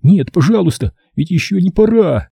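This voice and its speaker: A scared twelve-year-old boy begs and protests in a raised, husky voice, as a man reading a storybook puts him on. His tone stays deep and mellow under the strain, and he swings up and down a great deal as he pleads. It is a close, dry recording. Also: very animated, moderate pace, no echo, full character voice. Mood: anxious pleading. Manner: pleading, urgent and tearful.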